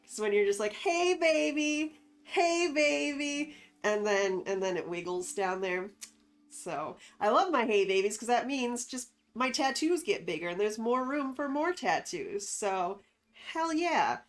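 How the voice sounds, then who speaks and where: A woman's voice: mid-range voice, expressive, a little slow. A slightly wheezy, short-of-breath woman chatting casually and candidly as the host of a livestream. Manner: rambling, candid.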